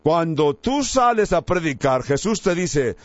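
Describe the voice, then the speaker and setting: High-voiced male preacher, dry sound. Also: very animated, a little slow, no room sound. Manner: emphatic, rises in pitch on key words. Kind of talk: sermon. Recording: dry, slightly dull recording.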